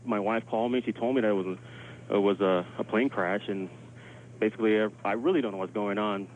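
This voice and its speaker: This man's voice sits on the lower side, and he speaks a bit quickly in an even tone. As a hotel employee, he's giving an informal eyewitness report live by phone, his phrasing loose and peppered with "like." Sirens and alarms sound in the background of the dull, noisy line.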